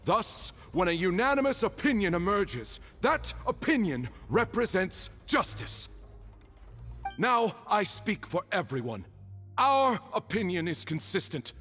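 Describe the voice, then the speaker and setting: An actor playing a sanctimonious, insistent court accuser in a video game, with grandiose declamatory delivery. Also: male voice, sits high, very animated, a little slow, a bit bright, heavily acted. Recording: long hall reverb, music underneath.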